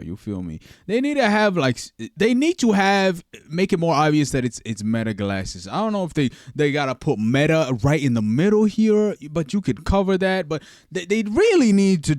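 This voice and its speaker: A man reacting to a video in loose, slangy talk, stumbling and repeating himself as he makes his point. His pitch swings widely and sits a bit high for a man. The sound is close and dry, with no room around it. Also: a little mellow, dry recording. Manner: slangy, repeats words, says "bro" and "you feel me". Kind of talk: casual reaction commentary.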